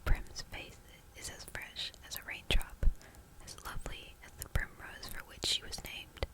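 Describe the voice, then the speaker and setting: A woman reading a novel aloud for ASMR in a soft, hushed whisper, slow and deliberate. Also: rough recording.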